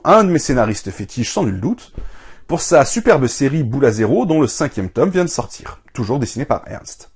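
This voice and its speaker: A man's voice: medium pitch, a little mellow, husky. A man presenting a scripted comic book review show, giving enthusiastic recommendations.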